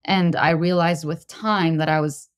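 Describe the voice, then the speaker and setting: A woman in her thirties from Lebanon, a podcast guest telling her personal story in a measured, introspective way. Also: sits low, steady tone, dry recording, clean studio sound. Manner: measured and introspective, pausing to find words.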